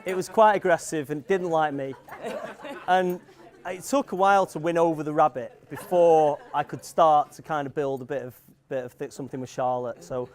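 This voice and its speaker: A young man with a Manx accent and a slightly high voice gives a groom's speech at a wedding. He rambles and jokes informally, hesitating as he goes. Guests can be heard faintly around him in the venue. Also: steady tone, moderate pace. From Isle of Man. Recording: live event room with guests audible. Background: wedding crowd.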